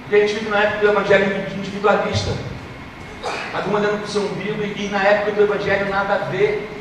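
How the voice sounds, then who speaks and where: A Brazilian man preaching a sermon in church, moving from hushed storytelling to impassioned shouting. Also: high-pitched, monotone, fast. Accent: Brazilian Portuguese. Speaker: pastor. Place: church service. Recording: echoey hall from far off, noisy.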